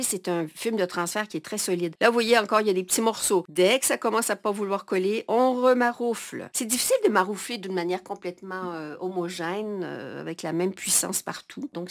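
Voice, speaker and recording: Chatty woman teaching crafts. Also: mid-range voice. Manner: chatty, explains each step as she works; energetic, laughs easily. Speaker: crafting instructor. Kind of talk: hands-on craft tutorial. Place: at a work table.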